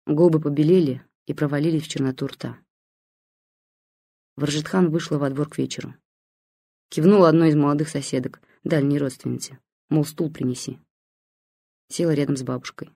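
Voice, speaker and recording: An audiobook reader giving a calm, measured first-person literary narration. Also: mid-range voice, gravelly, no room sound.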